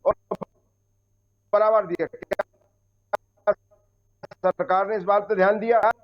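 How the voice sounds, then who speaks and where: A man's voice: sits high, little pitch movement, slow. A man speaking as an opposition party spokesperson in a heated TV panel debate, insistent and argumentative, his remote line choppy and breaking up with dropouts. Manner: insistent, argumentative, talks over others. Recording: dull lo-fi remote call audio.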